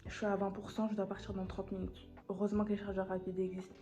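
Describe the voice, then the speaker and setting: A woman's voice: medium pitch, monotone, quick pace. A woman, chatting casually as she vlogs. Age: late teens. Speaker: vlogger. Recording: muffled lo-fi sound, music behind.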